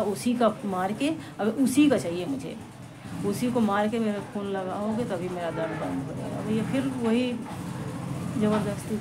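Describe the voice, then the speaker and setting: A woman casually telling a devotional folk tale to listeners around her, in a chatty, halting way with restarts and asides. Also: medium pitch. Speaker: storyteller. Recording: home recording with clear background noise.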